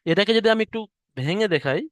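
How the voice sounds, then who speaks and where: A man teaching an online Quran reading class, slowly drawing out letter sounds to demonstrate them. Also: sits high, lively intonation, fairly bright tone, dry recording, studio quality. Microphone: headset or computer mic on an online class call.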